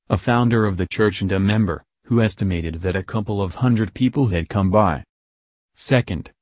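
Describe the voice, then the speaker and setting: A man reads a news story in a low, close, dry voice. He keeps it even and measured, reading the quotes without acting them. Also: dry recording. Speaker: news reader. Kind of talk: read-aloud news article.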